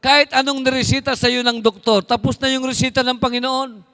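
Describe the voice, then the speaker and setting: A man with a Filipino accent preaching a sermon as pastor, reading scripture slowly and with emphasis as he moves between Tagalog and English. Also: very high voice, level tone, pushed and bright, in a large hall.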